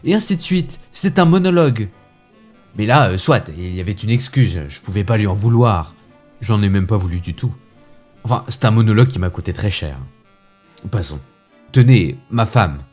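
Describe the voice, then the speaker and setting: A man playing a fussy, indignant gentleman who rants with theatrical asides, as in a comic stage monologue. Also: fairly low pitch, animated, moderate pace, soft background music. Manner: huffy, ranting, theatrical asides.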